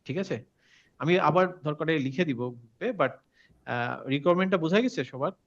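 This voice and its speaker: Over dull, lo-fi call audio, a man teaches a recitation class online in a slightly high, animated voice at a normal speed. He is patient, recapping and checking understanding with questions, and mixes in English words.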